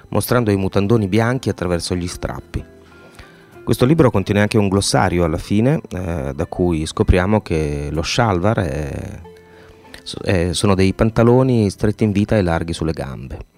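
A man reading a novel aloud, voicing the villagers' dialogue expressively and pausing to explain a word. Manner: expressive, voices the villagers' lines with raised pitch. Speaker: audiobook reader.

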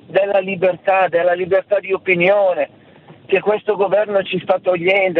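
A man in his seventies calling in to a radio show over the phone, speaking earnestly and repeating key phrases slowly. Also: sits high. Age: 70s. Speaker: radio call-in listener. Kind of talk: impassioned phone-in comment. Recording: tinny phone line with faint noise.

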